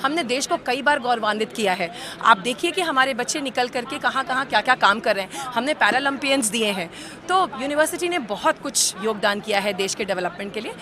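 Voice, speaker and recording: A woman representing a university, explaining herself to reporters in a measured way, mixing in English terms. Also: a little high, expressive, crowd noise. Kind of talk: press statement to reporters.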